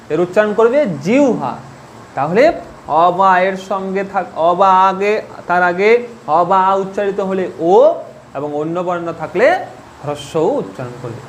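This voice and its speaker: A man's voice: high voice, a little hiss or hum. A man teaching a spoken grammar lesson, patient, repeating each point and asking the listener questions.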